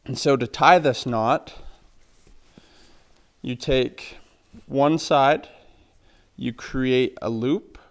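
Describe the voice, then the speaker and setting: Slow, smooth-voiced man teaching knots. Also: mid-range voice. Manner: plain, practical, step-by-step explaining. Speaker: horse trainer. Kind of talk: instructional demonstration.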